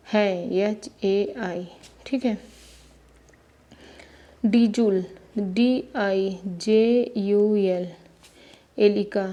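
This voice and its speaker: A woman teacher giving a spelling lesson, slowly spelling names out letter by letter. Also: mid-range voice, mellow, dull audio.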